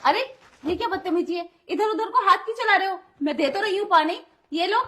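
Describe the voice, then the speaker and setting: An indignant young wife in a Hindi audio drama, played by a woman, scolding her brother-in-law with sharp protests. Her voice sits very high. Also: brisk. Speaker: voice actor.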